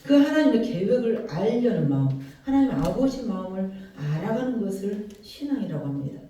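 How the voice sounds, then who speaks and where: A pastor with a Jeolla Korean accent preaching a sermon, animated, often acting out prayers and quotes. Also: mid-range voice, brisk. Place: large church sanctuary. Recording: very echoey church hall, voice from far off.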